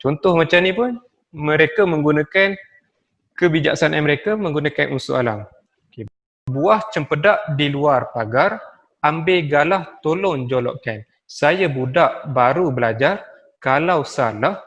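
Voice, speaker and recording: A man with a Malaysian Malay accent teaching a lesson on poetry, spelling out rhymes slowly and reciting verses. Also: on the high side, lively intonation, fairly bright tone, big-room sound, highs cut off. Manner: slow, spells out letters and rhymes, recites verse with rising and falling intonation. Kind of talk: recorded classroom lesson on poetry.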